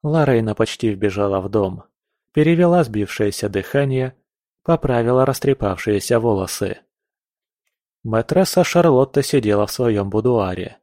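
A man narrating an audiobook in a calm, even reading voice. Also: fairly low pitch, moderate pace, dry recording, clean studio sound. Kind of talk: scripted narration.

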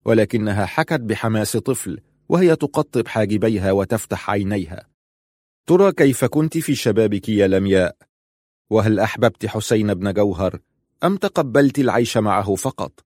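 A man narrating a novel in a steady, reflective audiobook reading. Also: on the low side, dry recording, clean studio sound.

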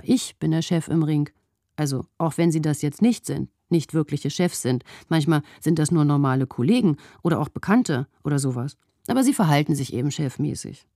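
A woman reads her own first-person radio column, wry and opinionated in tone. Her voice is fairly low and warm. It is recorded close on a studio microphone with a dry sound. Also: dry recording. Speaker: narrator.

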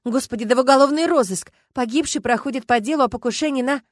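A woman's voice: high voice, fast, no room sound, studio quality, voice pushed up, close to an everyday voice. A woman reading an urgent, pleading young heroine. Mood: insistent. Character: anxious, determined young woman. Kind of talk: audiobook narration.

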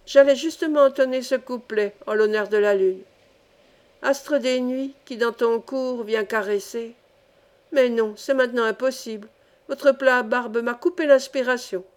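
A woman's voice: on the high side, measured pace, lightly acted. A woman voicing a jovial young miner who speaks in playful, florid phrases in a read-aloud novel.

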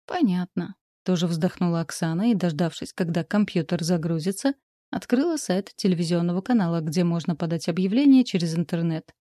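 A woman narrating a story in a steady, even storytelling manner. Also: fairly low pitch, brisk, no room sound, studio quality.

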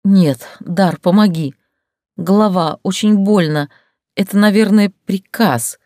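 A woman reading an audiobook, voicing a frightened young heroine in a high, tearful, pleading voice. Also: animated, takes it slowly, darkish tone, no room sound, studio quality.

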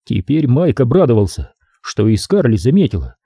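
A man narrating an audiobook in an expressive, lively storytelling manner. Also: medium pitch, normal speed, creaky, breathy edge, no room sound, studio quality.

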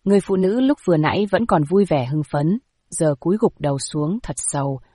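A woman reading a historical novel aloud with steady, even storytelling, close to the mic. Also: deep voice, brisk, husky, no room sound. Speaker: audiobook narrator. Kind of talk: scripted story narration.

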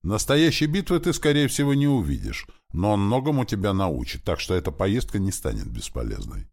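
A man's voice: lowish voice, wildly swooping pitch, fairly quick, darkish tone, pitched above the performer's own voice, heavily acted. A man reading the lines of a warrior prince giving firm, urgent orders to a younger brother.

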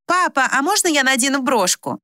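A woman's voice: high-pitched, big pitch swings, fairly quick, bright, forceful tone, no room sound, clean studio sound, voice pushed up, exaggerated voice. Woman voicing a squealy eager young village girl. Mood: teasing. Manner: pleading, pushy, squealing.

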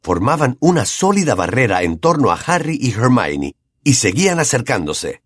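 A man with a Latin American accent narrating an audiobook with expressive, dramatic storytelling. His voice is somewhat husky and his pitch moves a lot, recorded dry and close. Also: normal speed, no room sound. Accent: Latin American Spanish.

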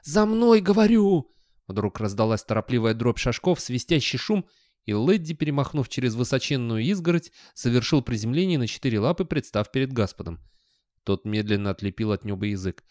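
A man narrating a comic fantasy audiobook at a mid pitch, reading in a measured, expressive way. The sound is dry and close, with no room around it. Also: no room sound. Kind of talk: scripted narration.

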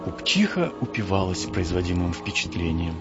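A man narrating an audiobook in the first person, telling the story in a lively, theatrical way. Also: low-pitched, moderate pace. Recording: dull lo-fi audio with strong background music.

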